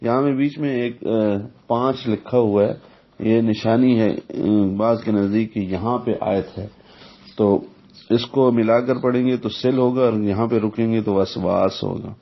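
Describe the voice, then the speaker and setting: A man teaching the rules of Quran recitation, explaining slowly and methodically and pausing to recite example verses. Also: medium pitch, steady tone. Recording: dull lo-fi recording.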